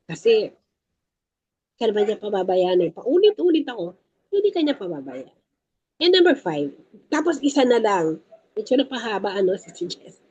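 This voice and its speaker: A woman's voice: medium pitch, warm tone, muffled recording. A woman giving an emphatic faith talk to a prayer group, repeating her key points and speaking to the listeners as brothers and sisters. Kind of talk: Taglish faith teaching talk.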